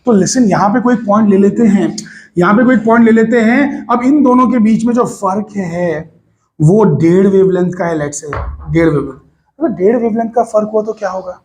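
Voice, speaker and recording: A man teaching physics to a class of students, lively and coaxing, calling them to listen and asking if they follow. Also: sits high, moderate pace, slight background noise. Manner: lively, coaxing, addresses students as beta, mixes English phrases.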